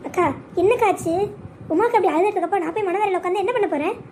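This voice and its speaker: A voice actor doing a high, fast earnest young groom. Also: male voice, a little mellow, slight background noise. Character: young male groom, earnest and devoted to his sister. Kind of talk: cartoon voice acting.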